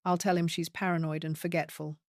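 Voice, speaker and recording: A woman voicing a scheming adult daughter-in-law who talks sharp and demanding, rising into shrieks. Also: low voice, level tone, a little fast, no echo, studio quality. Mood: pleased scheming.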